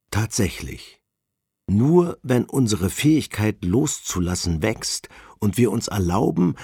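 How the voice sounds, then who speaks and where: A man giving a calm, measured reading of a spiritual text. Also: lowish voice, slightly rough, no echo, studio quality. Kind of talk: slow devotional reading.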